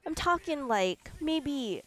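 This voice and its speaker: Young woman, chatty storyteller, giggly, lots of likes and ums, slightly high voice, lively pitch. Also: slow, a little hiss or hum. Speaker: gaming video creator. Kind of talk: casual storytelling over gameplay.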